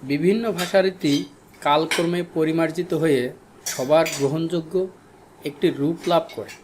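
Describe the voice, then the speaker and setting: Male schoolteacher from Bangladesh, slightly higher voice, drills terms slowly, faint noise behind. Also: steady tone. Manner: slow, repeats key terms for students. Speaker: teacher. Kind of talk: recorded classroom lesson.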